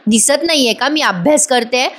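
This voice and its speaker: A woman's voice: high-pitched, normal speed, fairly bright tone. A woman doing a snappy, scolding young wife. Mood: irritated. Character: irritated young wife absorbed in study.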